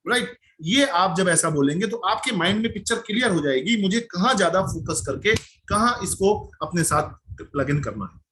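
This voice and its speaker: A man leads a sales skills training session in a steady coaching manner. His voice sits a little high, and he slips English phrases in while checking in with "right?". A faint hiss runs under the recording. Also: normal speed, low-quality recording. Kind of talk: training presentation.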